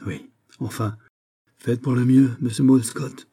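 A man's voice: mid-range voice, steady tone, a little slow, warm tone, slightly rough. A man reading an audiobook, voicing a stern, weary magistrate who speaks tersely. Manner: terse, commanding. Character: stern weary male magistrate, loves calm. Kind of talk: audiobook character voice.

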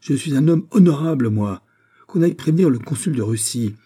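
A man reading an audiobook, voicing a furious bearded Russian policeman who shouts and repeats himself. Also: medium pitch, normal speed, husky, natural voice. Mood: furious shouting. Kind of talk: audiobook character voice.

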